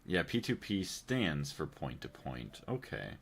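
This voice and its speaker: Deep-voiced American man streaming casually. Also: sing-song, unhurried, creaky, a bit bright, husky, faint music behind. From United States. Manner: rambling, thinks aloud, reads and thanks chat. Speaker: gaming livestreamer. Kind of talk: casual live-stream chat while playing.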